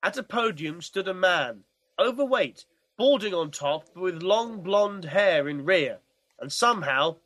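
High-voiced man reading a comedy story. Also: lively intonation, unhurried, fairly bright tone, no room sound. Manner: playful, does accents. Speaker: podcast co-host.

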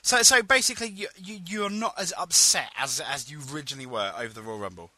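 Bright-voiced eager male podcast host. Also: fairly high pitch. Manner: eager, quick to laugh, stumbling starts. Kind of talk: casual chat.

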